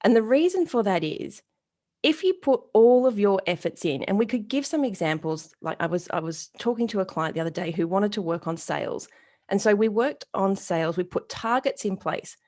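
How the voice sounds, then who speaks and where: At a moderate pace and medium pitch, a woman in her forties recounts stories in an interview about her work as a retail strategist. She's blunt and casual, bringing quoted dialogue to life by acting out each person.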